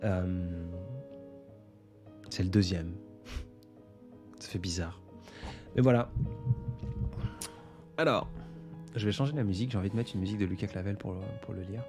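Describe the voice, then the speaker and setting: A man talking casually and reflectively on a live stream, unhurried and often pausing with hesitations. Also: sits low. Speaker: poet and author on a live stream. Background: faint background music.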